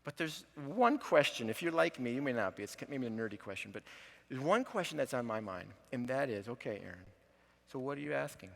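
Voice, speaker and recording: A middle-aged man and marriage counselor teaching a lesson, telling a counseling story with earnest, animated quotes. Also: mid-range voice, brisk, creaky.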